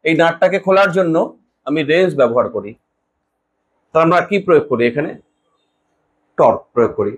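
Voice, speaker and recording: A man's voice: on the high side, expressive, fairly quick, long pauses, husky, highs cut off. A man. He talks in short spoken chunks, often putting a question to the class and answering it himself. His delivery is patient and explanatory, like a teacher working through a problem. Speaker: physics teacher. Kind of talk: classroom lecture.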